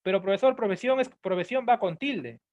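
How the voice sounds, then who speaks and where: A man's voice: sits high, lively intonation, fairly quick, darkish tone. A man voicing a curious male student who keeps asking his teacher questions, in an eager, questioning way. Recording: dull lo-fi audio.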